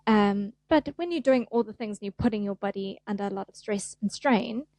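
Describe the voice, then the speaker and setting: In a dry recording, a middle-aged woman with a South African accent talks briskly in a medium-pitched, slightly mellow voice. A fascia therapist guesting on a casual podcast, she's chatty and self-deprecating and does little voices.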